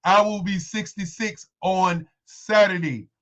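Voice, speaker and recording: A man's voice: sits high, steady tone, measured pace, fairly bright tone. A man in his sixties, a guest in a casual interview, talking in an emphatic, repetitive, insistent way. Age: 60s.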